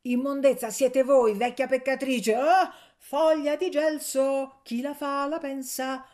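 A woman reading an audiobook, voicing a bold, mocking pretty village girl who talks loud and brash. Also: mid-range voice, expressive, measured pace, voice pushed up, natural voice. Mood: insulting. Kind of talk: audiobook character voice.

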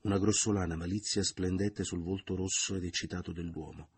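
A man narrating a novel in a measured, literary audiobook reading. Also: low-pitched, steady tone, a little mellow, husky, no echo.

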